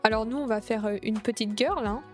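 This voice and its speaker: A young woman streamer chatting excitedly while playing a game, gushing over everything she sees. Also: fairly high pitch, brisk, faint music behind. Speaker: Twitch streamer. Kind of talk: casual gameplay streaming.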